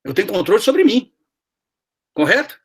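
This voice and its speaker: Husky chatty Brazilian man teaching. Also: high voice, very animated, normal speed. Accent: Brazilian Portuguese. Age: middle-aged. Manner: chatty, anecdotal, asks many tag questions. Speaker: guest HR professor. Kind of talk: live class conversation, storytelling.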